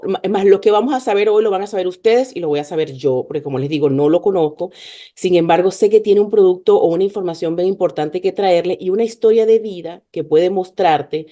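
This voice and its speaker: Low-voiced woman podcast host. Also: dark tone. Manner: hesitant, many fillers and restarts. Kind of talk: podcast interview.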